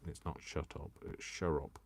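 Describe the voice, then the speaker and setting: This man is a crafting livestreamer who talks at a normal speed, chatty and self-mocking as he speaks to himself and the audience during live demonstrations. He comes from Coventry, England, and his accent there has been worn by many years living in Yorkshire.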